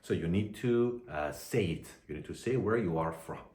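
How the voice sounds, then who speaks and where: A man teaching an English lesson to learners, speaking deliberately and repeating phrases for them to copy. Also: fairly low pitch, animated, vocal fry, darkish tone. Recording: echoey room.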